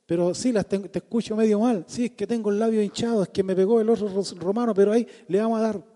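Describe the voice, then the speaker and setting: A man's voice: sits high, steady tone, fast, dark tone, natural voice. A man preaching in a hall, acting out a battered, good-humoured prisoner chatting casually with his cellmate. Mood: plucky, aching. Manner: colloquial, plucky, grumbling about aches. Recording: long hall reverb.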